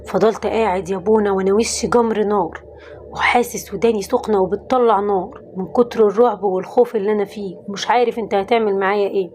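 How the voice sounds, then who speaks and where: A woman's voice: mid-range voice, steady tone, fast, darkish tone, a little hiss or hum, natural voice. A woman voicing a repentant middle-aged former thief who confesses in an Egyptian accent, in a pleading tone. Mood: remorseful. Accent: Egyptian Arabic.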